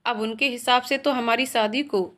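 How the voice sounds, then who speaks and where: A woman voicing a caring young husband in a spoken storybook, soft and reassuring. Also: a little high, fairly even intonation, normal speed, lightly acted. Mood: flustered inner voice.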